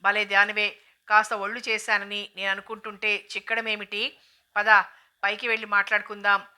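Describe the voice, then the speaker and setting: A woman's voice: mid-range voice, monotone, normal speed, bright, forceful tone. A woman reading the lines of an outspoken, affectionate young sister-in-law who scolds and teases. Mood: scolding.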